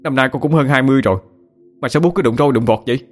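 A man's voice: medium pitch, very fast, voice pushed up, lightly acted. A man doing a pleading young son. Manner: pleading, defensive.

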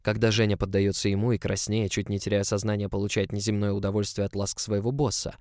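A man's voice: on the low side, flat delivery, fast, a little mellow, no room sound. A man narrating a story in the first person, in an intimate, close storytelling manner. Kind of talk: audiobook narration.

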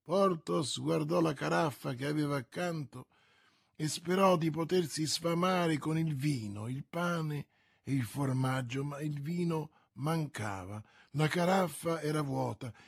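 Slow husky male audiobook narrator. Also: a little high, no echo, studio quality. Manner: measured, theatrical reading. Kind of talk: scripted narration.

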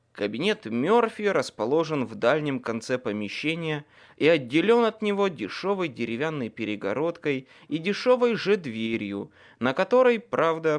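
A man reading a first-person audiobook in an expressive, dramatic way. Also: fairly high pitch. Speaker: audiobook narrator.

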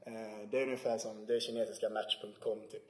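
Male co-host, mellow tone, relaxed chat and frequent laughs, roomy sound. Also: lowish voice. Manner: laughs often, relaxed storytelling. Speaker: podcast co-host. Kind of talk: casual chat.

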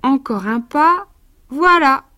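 A woman with a fairly high voice reads rhymed children's stories at an unhurried pace. Her delivery is rhythmic and expressive. She drops into a quieter, quicker tone when she reminisces between the verses. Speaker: actress reading childhood stories.

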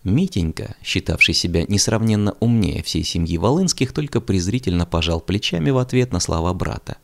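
A man narrating an audiobook with steady storytelling. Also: low voice, brisk, creaky, slight background noise. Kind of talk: audiobook reading.

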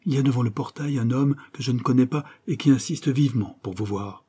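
A man voicing a deferential older secretary who speaks in a hushed, respectful way. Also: mid-range voice, fairly quick, husky, close to an everyday voice.

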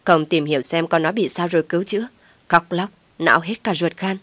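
A woman voicing a stern, gruff middle-aged father who scolds sharply. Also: on the low side, a little fast, fairly bright tone, no room sound. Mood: gruff scolding.

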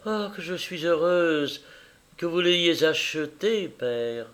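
A man's voice: on the high side, lively intonation, takes it slowly, a bit bright, voice pushed up. A man reading aloud, voicing a young blind daughter who speaks with tender delight. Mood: joyful.

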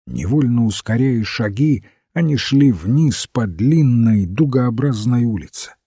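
A man narrating a detective story aloud in an expressive, dramatic manner. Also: mid-range voice, unhurried, breathy edge, no echo, studio quality. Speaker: audiobook narrator. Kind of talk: scripted narration.

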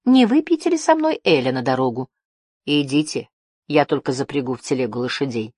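A woman's voice: rumbling low, expressive, fairly quick, a little mellow, husky, no echo, studio quality, full character voice. A woman reading the lines of a sly, cheerful male merchant with a glib, mock-friendly manner.

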